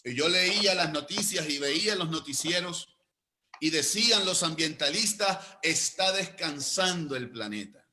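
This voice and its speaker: A male pastor delivers a storytelling sermon with a bright, forceful voice pitched a little high. He rises to loud, emphatic peaks, then drops to slow, low phrases. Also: lively intonation.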